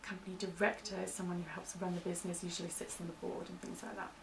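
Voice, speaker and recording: Explaining legal terms for staff training, a British woman answers as the interviewee with informal, hedged explanations built around "kind of." She talks fast in a fairly low pitch that barely moves. Faint background noise accompanies the distant mic.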